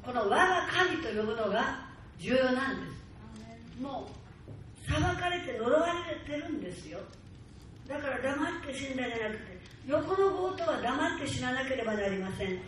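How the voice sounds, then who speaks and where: A woman's voice: sits high, animated. Fervent woman preacher in an echoey hall. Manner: fervent preaching, slow stresses, rising urgency. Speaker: pastor. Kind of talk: sermon. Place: church hall. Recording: far-off mic in echoey hall, faint hiss.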